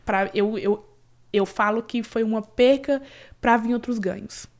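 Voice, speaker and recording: A woman tells her own story as an interview guest. Her fairly high voice runs earnest and personal, full of fillers and restarts. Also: unhurried, darkish tone. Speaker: interview guest, cleaning business owner. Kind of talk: emotional personal story in casual conversation.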